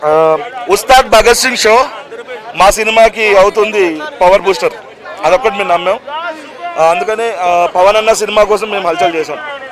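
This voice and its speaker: Man promoting his film over crowd noise. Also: high voice. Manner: mixes English phrases, chants lines with friends. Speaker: film crew member promoting his small film. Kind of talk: street interview. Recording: outdoor crowd noise behind.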